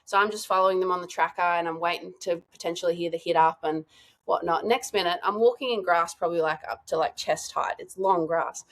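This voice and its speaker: A woman guest telling a lively hunting story in a casual, chatty way. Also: on the low side, fairly quick. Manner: chatty, animated, lots of "like" and laughter.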